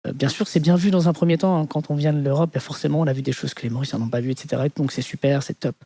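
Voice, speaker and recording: A man from France with a Parisian French accent, in his thirties, telling his life story in an interview and pausing often on fillers. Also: a little high, steady tone, creaky, warm tone, no echo. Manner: hesitant, many fillers like "on va dire". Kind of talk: reflective personal testimony.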